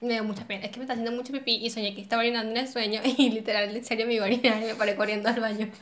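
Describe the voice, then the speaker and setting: Woman co-host, high and bright, fast-talking, animated storyteller, roomy echoey sound. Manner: animated storyteller, laughs often. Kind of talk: casual chat. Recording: roomy echo.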